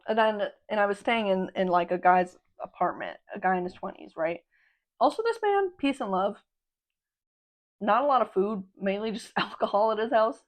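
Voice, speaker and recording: Her voice sits in a middle pitch for a woman, neither high nor low. She's a young podcast host telling a story in loose, rambling chat. She's full of slang and cursing and often breaks into laughter. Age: young adult. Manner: rambling, slangy, swears freely; laughs between remarks. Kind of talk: casual chat.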